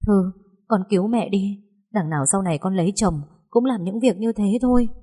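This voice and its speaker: A woman's voice: lowish voice, animated, normal speed, mellow, breathy edge. A woman voicing a desperate, indebted mother who tearfully pleads with her daughter. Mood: pleading.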